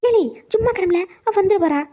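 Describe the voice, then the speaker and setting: A woman's voice: extremely high pitch, a little fast, dark tone. A woman voicing a chatty old grandmother. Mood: scolding. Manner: dramatic, theatrical scolding. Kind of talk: cartoon comedy acting.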